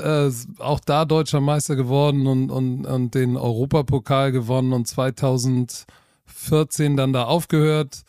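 Relaxed German man telling his story. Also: medium pitch, clean tone, no room sound, clean studio sound. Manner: relaxed storytelling, self-deprecating. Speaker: guest, football coach and TV expert. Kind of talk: casual interview talk.

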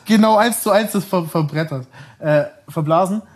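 A man's voice: high-pitched, moderate pace, a little hiss or hum. A man in his thirties, a podcast guest telling long stories in a rambling, casual way, often laughing and correcting himself. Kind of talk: casual storytelling.

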